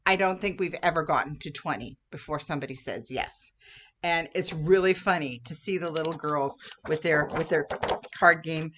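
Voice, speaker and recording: An upbeat woman with a slightly low voice explains things to children in a friendly instructional video. She talks like a troop leader and sometimes acts out the people she describes. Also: normal speed, fairly bright tone, muffled recording, a little hiss or hum. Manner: upbeat, friendly teacher talk that acts out customer exchanges. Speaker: Girl Scout troop leader.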